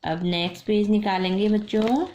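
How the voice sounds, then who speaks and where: A woman's voice: mid-range voice, fairly even intonation, darkish tone, slight background noise. A woman teacher reading a story aloud to a primary-school class, going back over each line and explaining what the words mean. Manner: slow patient explaining, repeating lines and defining words.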